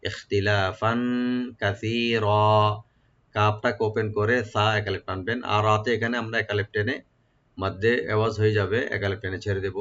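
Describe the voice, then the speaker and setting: A man with a lowish voice teaches Quran recitation one syllable at a time. He draws out each phrase, repeats it, and explains the pronunciation rules patiently. The recording is dull and lo-fi. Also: little pitch movement, normal speed, a bit bright. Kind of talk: step-by-step tajweed lesson.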